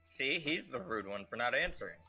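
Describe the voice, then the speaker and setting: A man's voice: medium pitch, animated, brisk, sharp tone, slightly rough, faint music behind, low-quality recording. A man playing a tabletop game, joking and teasing in casual banter.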